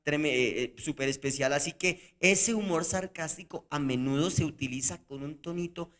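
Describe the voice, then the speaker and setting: Emphatic man explaining, higher-pitched. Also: normal speed, fairly bright tone. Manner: emphatic, explanatory, acts out quoted lines. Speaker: podcast co-host.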